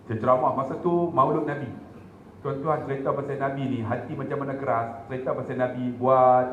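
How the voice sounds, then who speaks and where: A man's voice: medium pitch, brisk, phone-quality sound, a little hiss or hum. A middle-aged man with a Malaysian Malay accent, telling jokey stories to a mosque audience in a forum talk. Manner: jokey, addresses the audience directly, animated storytelling. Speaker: religious speaker at a forum. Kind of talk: humorous storytelling talk. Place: mosque hall. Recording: echoey mosque hall with faint ambience.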